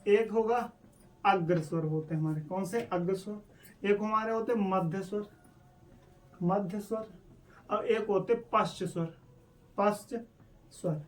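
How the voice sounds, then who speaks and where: A man's voice: sits high, far from the mic. A male teacher explaining step by step in an online exam-prep lesson, asking questions and answering them himself.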